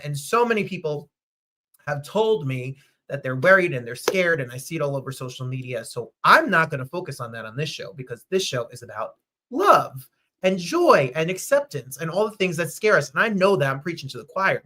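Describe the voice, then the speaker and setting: A man's voice: fairly high pitch, bright, forceful tone. A man hosting a casual livestream chat show from home, upbeat and chatty, greeting viewers by name. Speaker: host.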